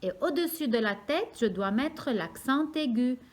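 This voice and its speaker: A woman teaching young children a lesson, speaking slowly and clearly and repeating each word so they can follow. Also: fairly high pitch, expressive. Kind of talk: slow, careful classroom lesson for young children.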